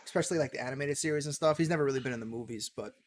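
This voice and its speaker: A man's voice: mid-range voice, racing. A laid-back man hosting a casual live-stream chat, encouraging his guest. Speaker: host.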